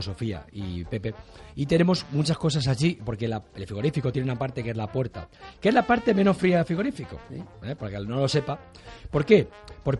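A man hosting a radio show, chatting with guests and giving household tips in a rambling, talkative way. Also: mid-range voice. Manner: chatty, rambling, warm-hearted repetitions. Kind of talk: lively radio chat and home tips. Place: radio studio.

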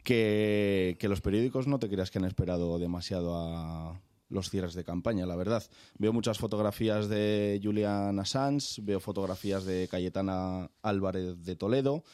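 Male commentator reading out headlines, dark and lowish, steady and dry. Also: moderate pace, clear, resonant tone, no echo. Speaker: press reviewer. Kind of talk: reading newspaper headlines on air.

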